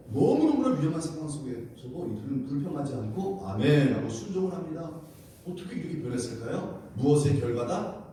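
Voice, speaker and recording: A man's voice: on the high side, dark tone. A man, a pastor, preaching a Wednesday prayer service sermon, asking the congregation questions and telling the story with animation. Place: church sanctuary. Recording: very echoey church, distant mic, faint hiss.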